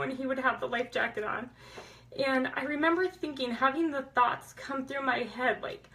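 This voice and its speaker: A woman's voice: mid-range voice, bright, forceful tone, rough recording. A woman in her thirties, a chiropractor, telling her own story to viewers in a candid, conversational way with frequent "um" fillers. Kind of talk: personal story told to viewers.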